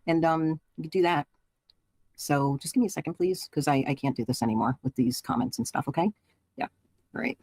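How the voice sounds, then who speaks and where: A woman's voice: sits low, expressive, brisk, creaky, darkish tone, a little hiss or hum. A middle-aged woman livestreamer, rambling and talking straight to her chat with many fillers as she signs off. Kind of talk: casual stream sign-off.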